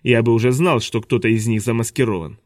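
A man voicing a vain, mocking male school vice principal who talks loudly and sneers. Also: mid-range voice, steady tone, fast, dry recording, clean studio sound, close to an everyday voice. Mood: sneering. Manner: loud, sneering, giggling.

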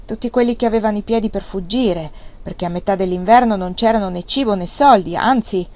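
A woman reading an audiobook and voicing a sharp-tongued, scolding servant woman with a shrill voice. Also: a little fast, natural voice. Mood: recounting. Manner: harsh and scolding.

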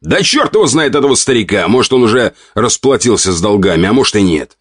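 Brief: male reader voicing a gruff middle-aged count, mocking and impatient, dry close audiobook sound. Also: lowish voice, sing-song, fast talker, no room sound, pitched above the performer's own voice. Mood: irritated. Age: 40s.

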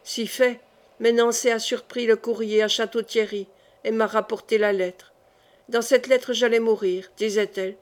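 A woman voicing a dying, weary king who speaks softly and confidingly in an audiobook reading. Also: steady tone, normal speed, lightly acted. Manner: soft, low-voiced confiding.

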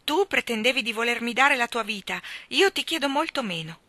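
A woman voicing an ancient immortal fairy who speaks forcefully and reproachfully in a storybook reading. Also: on the high side, normal speed, no echo.

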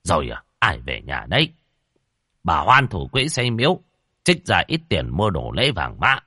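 A man's voice: low voice, huge pitch swings, normal speed, bright, forceful tone, husky, no room sound, clean studio sound, heavily acted. A man voicing a bossy, scheming old village sorcerer who scolds and gives orders. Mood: sly instructing. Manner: scolding, commanding.

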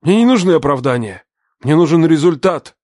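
Guy reading as a stern angry dad, loud barking shouts, higher and hard, dry sound. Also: normal speed, no echo, lightly acted. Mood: shouting angrily. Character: stern, furious older father, a company boss. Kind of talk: audiobook narration.

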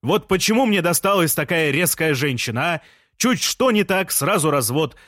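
Narrator doing a high, loud, jolly man shouting from outside, audiobook, dry sound. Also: expressive, fairly quick, no room sound. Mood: boisterous shouting. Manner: boisterous shouting. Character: loud cheerful ex-husband shouting from street.

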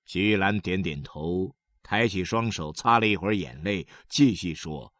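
A man narrating an audiobook with a storyteller's measured delivery. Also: low-pitched, animated, fairly bright tone, dry recording, studio quality.

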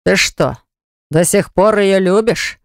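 An audiobook narrator with a smooth, mid-range voice speaks slowly as a smug, scornful man who gloats and yells once he's pinned down. The mood is sneering, and the clean studio sound has no echo.

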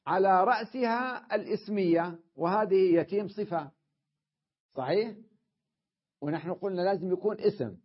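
Husky male Arabic grammar teacher. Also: high-pitched, normal speed, pauses often. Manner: explains patiently, asks "تمام؟" to check the class. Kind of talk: classroom lesson. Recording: dull lo-fi lecture recording.

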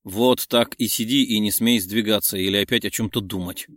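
A man voicing a gruff, teasing young man who grumbles in a lowered voice. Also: fairly even intonation, normal speed, a bit bright, no echo, clean studio sound, close to an everyday voice. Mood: grumbling.

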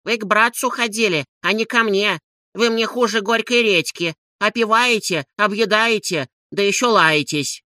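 A man's voice: high voice, normal speed, sharp tone, no echo, clean studio sound, voice pushed up. A man voicing a plain-spoken woman landlady in an audiobook, scolding in a string of complaints. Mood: reproachful. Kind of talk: audiobook character reading.

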